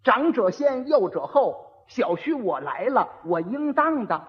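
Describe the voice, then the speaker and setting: A clever, fed-up young bride, as a male storyteller puts her on. She scolds and patiently coaches, set a little higher than the teller's already high voice. The old recording is dull and reverberant. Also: very animated, unhurried, full character voice. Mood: exasperated instructing.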